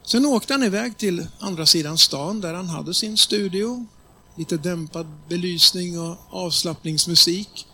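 A man preaching a sermon as an animated storyteller, addressing the audience directly. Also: high-pitched, slight background noise.

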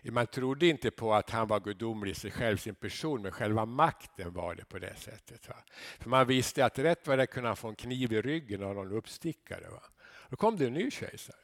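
Male preacher, sermon, mid pitch, emphatic, dry close mic. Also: expressive, no room sound. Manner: swings from low murmurs to loud emphatic declarations, conversational asides.

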